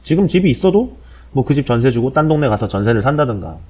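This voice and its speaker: Low-bitrate recording of a fast-talking blunt man. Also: very animated, darkish tone, slightly rough. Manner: blunt, irreverent, colloquial, with rhetorical questions. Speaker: host of an explainer show. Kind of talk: casual commentary explaining economics. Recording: low-bitrate, dull lo-fi audio.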